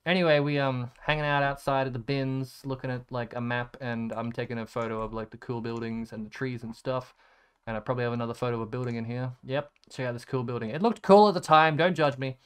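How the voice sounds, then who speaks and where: Smooth-voiced young man telling rambling stories. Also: medium pitch, fairly even intonation, quick pace. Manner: rambling, sarcastic, swears freely. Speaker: content creator. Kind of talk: casual storytelling over photos.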